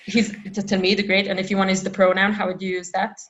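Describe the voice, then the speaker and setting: A woman teaching a Hebrew lesson over a video call, patient and encouraging, repeating phrases slowly for her students. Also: mid-range voice, level tone, fairly bright tone, dull audio. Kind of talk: online language lesson.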